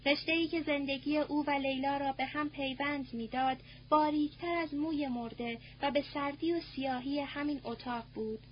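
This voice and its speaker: Narrator: woman, high voice, measured audiobook reading, muffled tape with faint hum. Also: fairly even intonation. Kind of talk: scripted narration.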